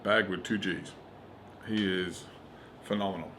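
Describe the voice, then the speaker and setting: Deep-voiced and steady, a middle-aged Australian stand-up comedian speaks at a measured pace, swearing liberally as he chats and tells emphatic stories with acted-out quotes. Slight background noise is present.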